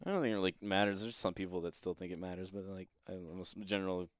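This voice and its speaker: Low, smooth-voiced young man chatting. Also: fairly even intonation, rapid-fire, no echo, studio quality. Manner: chatty, laughs often, trails off quietly. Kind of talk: casual chat.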